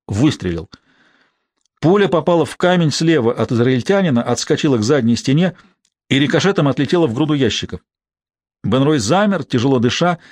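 A man narrating a thriller audiobook in a measured, steady way. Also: medium pitch, dry recording, clean studio sound.

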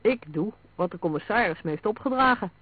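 A man's voice: sits high, animated, fairly quick, husky, no echo, pitched above the performer's own voice. A man reading as an apologetic, stubborn constable. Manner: apologetic but firm. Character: polite stubborn Irish police constable. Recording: narrow phone-like sound.

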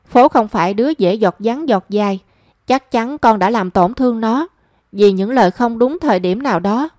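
A woman's voice: a little high, moderate pace, darkish tone, no echo, studio quality, natural voice. Stern scolding mother, read by a woman. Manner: scolding, probing. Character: stern middle-aged mother, scolding her son.

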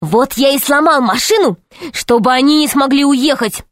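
A woman voicing an excitable young boy who pleads urgently in an audiobook story. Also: high voice, moderate pace, no echo, studio quality, voice pushed up, close to an everyday voice.

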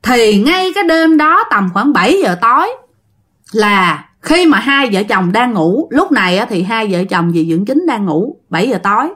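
A woman's voice: on the high side, sing-song, moderate pace, fairly bright tone. A woman with a Southern Vietnamese accent telling a ghost story in a casual, chatty way, speaking straight to her listeners and acting out the characters' lines. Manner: chatty, addresses listeners directly; acts out characters' lines in quotes.

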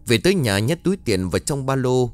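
A man narrating an audiobook in an expressive storytelling way. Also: mid-range voice, brisk. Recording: faint background music, dry studio.

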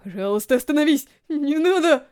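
Woman doing a frail old guy over ninety, tearful and begging, voice cracking high. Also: animated, a little fast, a little mellow. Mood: pleading.

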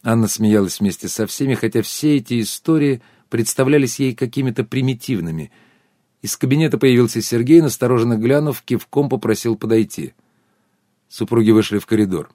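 A man narrating an audiobook in an even, measured reading. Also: mid-range voice, no room sound, clean studio sound. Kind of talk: scripted narration.

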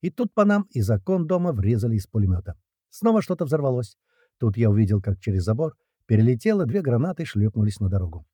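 Male audiobook reader, husky and dark, lively pitch, dry close sound. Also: fast, no echo. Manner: tense action narration, dialogue read aloud. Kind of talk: first-person audiobook narration.

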